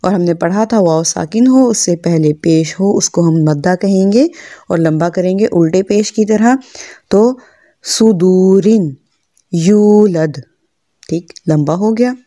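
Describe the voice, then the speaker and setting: A woman's voice: on the low side, moderate pace, dark tone, no echo, studio quality. A woman Quran teacher giving a patient, step-by-step pronunciation lesson, stretching out each practice word with careful articulation.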